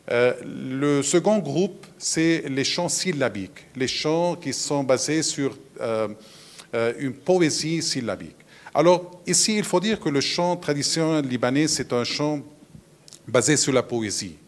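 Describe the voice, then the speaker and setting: A man, a musicologist explaining things at a round table, with frequent hesitations. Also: mid-range voice. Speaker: musicologist on a panel. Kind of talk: round-table lecture talk.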